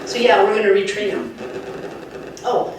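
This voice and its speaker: A woman urban wildlife specialist giving a lively, emphatic outdoor talk, often checking in with her listeners. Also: mid-range voice, normal speed. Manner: lively, emphatic, keeps asking the crowd "right?". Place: outdoors at a nature center. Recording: echoey, distant, faint noise.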